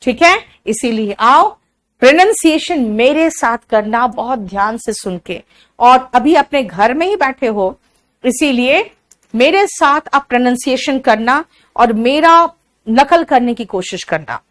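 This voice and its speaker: Slow-drilling female English teacher from Bihar. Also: on the high side, animated. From Bihar, India. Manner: drills words slowly, calls students "beta". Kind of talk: spoken English lesson.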